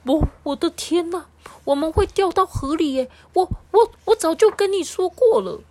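A woman's voice: expressive, normal speed, warm tone, no room sound. A woman voicing a timid, worried little goldfish that stammers, while reading a picture book aloud. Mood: panicked. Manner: fretful, stammering, high and pleading.

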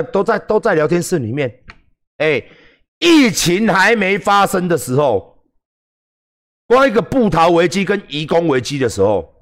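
Profane, combative Taiwanese man ranting. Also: a little high. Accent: Taiwanese Mandarin. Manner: combative, profane, shouting at critics. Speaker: livestream host. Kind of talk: heated livestream rant.

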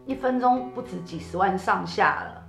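A woman co-hosting a casual chat, animated and laughing often as she coaxes listeners. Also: mid-range voice, moderate pace, creaky. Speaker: co-host. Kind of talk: casual chat about zodiac fortunes. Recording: echoey room with faint music.

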